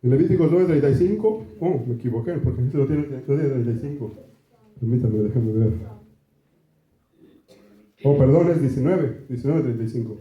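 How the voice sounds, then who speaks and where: A man's voice: medium pitch, moderate pace, long pauses. A Mexican man with a Mexican Spanish accent, a pastor delivering a conversational sermon and often turning to the congregation with asides. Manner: conversational preaching, keeps asking "¿verdad?" and "hermanos". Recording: echoey room, dull lo-fi sound.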